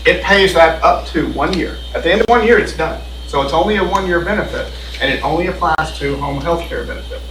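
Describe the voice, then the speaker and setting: At a board meeting, an insurance benefits presenter walks the room through insurance options in a folksy, explanatory way, repeating himself. His voice is fairly high and fairly bright, and he speaks fairly quickly. The mic is distant in an echoey room, with a little hiss or hum.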